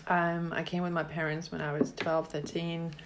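A woman's voice: sits low, flat delivery, normal speed. A woman in her thirties from Lithuania, a native Lithuanian speaker, telling her story as a guest in a casual interview, earnest and hesitant with fillers. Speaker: business founder, guest.

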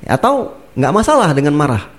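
Speaking at a normal speed in a fairly high voice, a male Islamic preacher explains religious matters in an informal way. He keeps it lively with chuckles and laughter, performing the people in his examples and playing the angry ones too.

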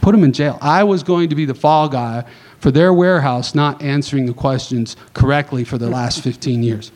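A man on a conference panel telling a long anecdote in a casual, animated way, acting out the dialogue and tossing in quick asides. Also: mid-range voice. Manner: animated, acts out dialogue, chatty asides with "right?".

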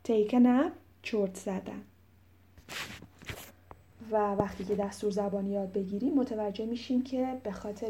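A woman with a warm, mellow voice runs an English lesson. She reads each example sentence slowly and carefully, then explains it in a loose, chatty way. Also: medium pitch. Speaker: English teacher. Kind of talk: language lesson in Persian.

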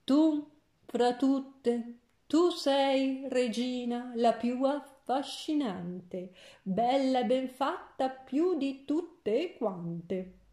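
A solemn magic talking mirror, voiced by a woman reading a storybook aloud. It pronounces each word slowly and carefully in a mellow tone, with a roomy echo behind. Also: high voice, animated, exaggerated voice. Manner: slow, measured, pronouncing.

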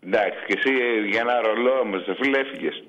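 A man's voice: fairly low pitch, a bit bright. Teasing man on a dull lo-fi line. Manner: teasing, provoking with short jabs. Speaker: co-host of a comedy radio show. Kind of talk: teasing football banter.

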